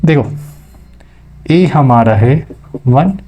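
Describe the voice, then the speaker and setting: A man's voice: medium pitch, lively intonation, extremely slow, mellow, husky. A man teaching maths step by step, checking in with his students as he explains. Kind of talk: classroom lecture.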